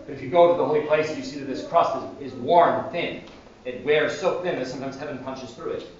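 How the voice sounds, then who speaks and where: A male priest giving a sermon in a church, telling stories with animated energy. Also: a little high, a little fast, a little hiss or hum. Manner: animated storytelling. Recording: distant echoey church, dull sound.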